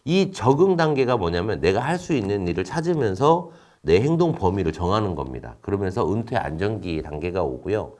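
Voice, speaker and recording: A man with a lowish voice lectures in an explanatory, conversational way. His pitch swings up and down animatedly as he poses questions and answers them himself, with hesitant fillers between points. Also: a little fast. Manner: frequent fillers, lively rises and drops in pitch. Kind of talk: recorded lecture.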